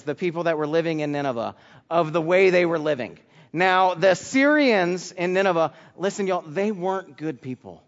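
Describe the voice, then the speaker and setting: A man giving a sermon as a children's pastor, moving between personal testimony and Bible teaching. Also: sits high. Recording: muffled sound in reverberant hall.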